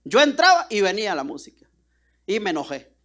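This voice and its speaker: A man's voice: sits high, fairly quick. A man from Guatemala, preaching a sermon and telling stories, acting out the dialogue in different voices. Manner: animated, acts out dialogue with voices. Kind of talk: sermon with storytelling.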